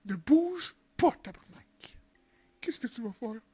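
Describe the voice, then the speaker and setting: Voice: medium pitch, animated, takes it slowly, warm tone, husky, full character voice. A performer with a Quebec French accent voicing a bungling, foul-mouthed burglar in a parody dub, crying out and cursing as if just hurt. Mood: angry, menacing. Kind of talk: parody film dubbing.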